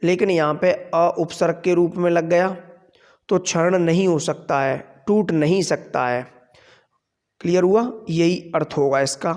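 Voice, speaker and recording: A man with a high voice gives a grammar lesson at an unhurried pace. He poses questions to the class and answers them himself. A long reverb trails behind his voice, as in a large hall. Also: fairly even intonation, darkish tone. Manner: explains slowly, asks and answers his own questions. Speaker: Sanskrit grammar teacher. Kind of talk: classroom lecture.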